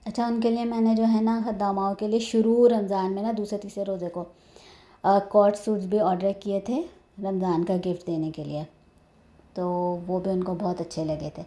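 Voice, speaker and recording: Chatty woman with a mellow voice. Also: mid-range voice, flat delivery. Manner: chatty, rambling, says prayers and blessings as she goes. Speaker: vlogger. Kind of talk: casual chat. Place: at home and at a horse stable, partly outdoors.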